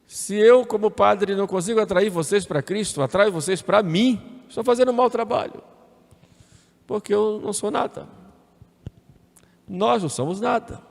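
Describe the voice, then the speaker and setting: Priest man preaching, kinda high gravelly voice, big echoey church, keeps asking right? and repeating himself. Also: normal speed, pauses often. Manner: conversational preaching with tag questions and repetition. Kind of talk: sermon. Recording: echoey church with long reverb.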